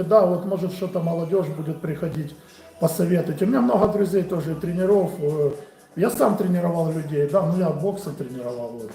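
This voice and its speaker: A Ukrainian-accented boxing coach in his forties live streams from a room at home, chatting casually and answering viewers' chat questions off the cuff in a friendly way. His high-pitched, warm voice has vocal fry, and the recording is rough with a roomy sound.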